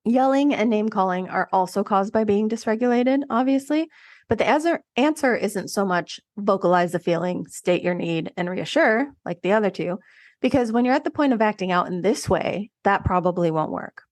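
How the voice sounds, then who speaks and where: A woman's voice: medium pitch, normal speed, dry recording, clean studio sound. A woman co-hosting a podcast, giving direct, conversational relationship advice with emphatic asides. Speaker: podcast co-host. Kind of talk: solo relationship advice segment.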